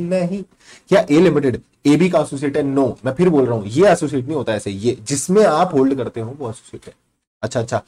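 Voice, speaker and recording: A man's voice: medium pitch, a little mellow. A young man giving a live online law lecture, mixing in English terms and quizzing his students in a chatty, teasing way. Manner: quizzing students, conversational Hindi mixed with English.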